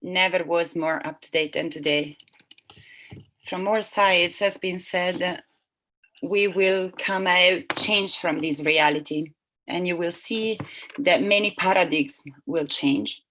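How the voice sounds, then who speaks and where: A woman with a slightly low voice interprets a seminar talk as it happens. She speaks in a halting way, often breaking off and correcting herself as she searches for the next words. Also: bright, forceful tone, a little hiss or hum, rough recording. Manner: halting, with frequent restarts and self-corrections. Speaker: simultaneous interpreter.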